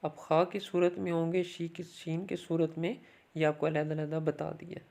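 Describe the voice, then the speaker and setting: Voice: mid-range voice, level tone, moderate pace, vocal fry, darkish tone. A language teacher giving a recorded lesson, explaining sounds step by step and saying each word twice for the learner to copy.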